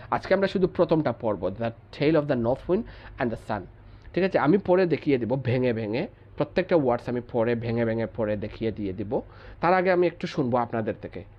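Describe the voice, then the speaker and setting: A man's voice: medium pitch, dull audio. A man teaching an online phonetics class. He keeps asking rhetorical questions and checking with "okay?".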